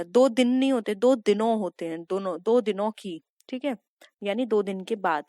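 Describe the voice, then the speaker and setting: A woman teaching grammar for an entrance exam in a chatty way. She reads each sentence slowly and then explains it, and keeps calling her viewers "friends". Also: a little high, darkish tone, no room sound, clean studio sound. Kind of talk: exam-prep lesson.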